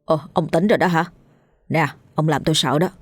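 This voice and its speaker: A blunt young man who scolds his friend one moment and fusses over him the next, put on by a woman reading a story aloud. His tone is lowish, with a dry, close sound. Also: a little fast, no echo, soft background music. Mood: blunt worry.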